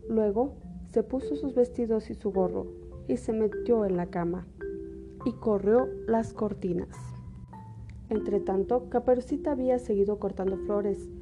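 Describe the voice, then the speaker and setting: A woman's voice: mid-range voice, measured pace. A woman narrating a scripted fairy tale as a storyteller. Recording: music behind the voice.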